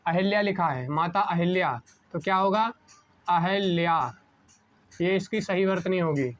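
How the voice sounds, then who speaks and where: At the board, a man leads a spelling lesson for exam prep, asking questions only to answer them himself and slowing whenever he reaches a correct word. His voice is pitched high. The sound quality is dull and lo-fi.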